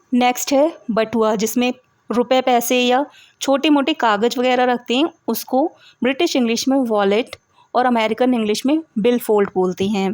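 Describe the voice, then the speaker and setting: A woman teaching English vocabulary to Hindi speakers, explaining each word slowly and clearly with repeated examples. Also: on the high side, darkish tone, no room sound.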